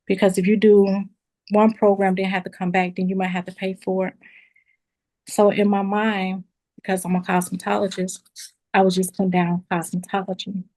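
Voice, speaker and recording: A woman tells her story as a beauty school owner. She is animated and emotional, and she speaks straight to her listeners. Her voice sits at a middle pitch. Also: normal speed.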